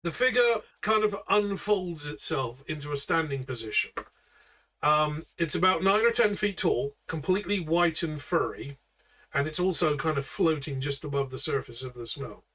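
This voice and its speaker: A man's voice: fairly high pitch, normal speed, pushed and bright, far from the mic. A man narrating as game master of a tabletop game, chatty and loose, full of fillers and restarts. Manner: chatty, with frequent fillers and self-corrections.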